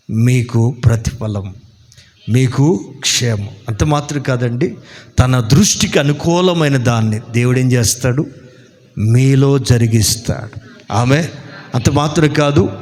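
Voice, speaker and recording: A male pastor preaching a sermon with many rhetorical questions, speeding up when he argues and slowing down to stress key words. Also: mid-range voice. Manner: animated preaching, rhetorical questions, slows for emphasis. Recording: long hall reverb.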